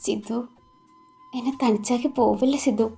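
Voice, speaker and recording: Woman reading as weepy, clinging young woman, breathy and mellow. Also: high voice, a little fast, soft background music. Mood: tearful.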